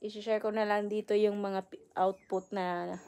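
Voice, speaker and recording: A woman's voice: medium pitch, level tone, a little slow, mellow. A young woman vlogging at home as a mother, chatting casually to her phone camera and cooing baby talk to her infant. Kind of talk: casual vlog chat. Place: home indoors.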